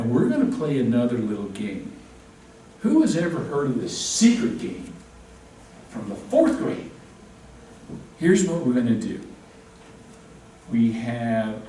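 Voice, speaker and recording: A man's voice: mid-range voice, warm tone, slight background noise. A man teaching a real estate class, joking and quizzing the students as he lectures. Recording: very echoey room, distant mic.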